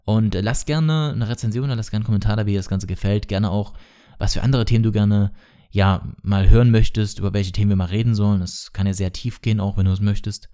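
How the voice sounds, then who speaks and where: A man's voice: on the low side, steady tone, fast talker, dark tone, clear, resonant tone. A man hosting a casual solo podcast lesson, chatty and often correcting himself as he explains things. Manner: chatty, self-correcting, peppered with English marketing terms. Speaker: podcast host teaching sales copywriting.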